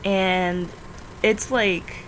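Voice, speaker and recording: A young woman vlogger, tired and just awake, rambles casually while she draws, her voice scratchy and full of fillers and self-corrections. Her pitch is medium, her intonation fairly even, and she draws her words out.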